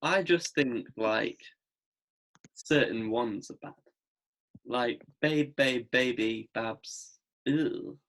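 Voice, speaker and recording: A man's voice: medium pitch, drawn-out words, a bit bright. A man hosting a podcast in casual chat, jokey and teasing. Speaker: podcast host.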